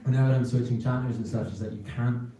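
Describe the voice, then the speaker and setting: A man's voice: medium pitch, little pitch movement, fast, mellow. A man with a Hebridean Scottish accent, a folk musician talking casually and a little hesitantly between tunes on stage. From North Uist, Western Isles, Scotland. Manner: hesitant, rambling, informal. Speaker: folk piper introducing his set on stage. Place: indoor concert hall, on stage. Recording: echoey hall, distant live concert pickup.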